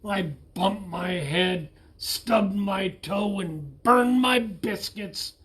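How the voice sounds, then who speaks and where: A man's voice: sits high, extremely slow, a bit bright, full character voice. Man reading as a blustery old sea dog captain from a picture book. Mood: grumbling. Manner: hearty nautical bluster. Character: gruff old male sea captain, a grumbling old salt.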